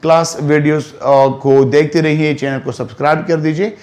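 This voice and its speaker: A man's voice: a little high, fairly even intonation, normal speed, darkish tone. A man teaching English grammar in a lecture, mixing Hindi-Urdu and English and drawing out example words as he explains. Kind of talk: classroom lecture.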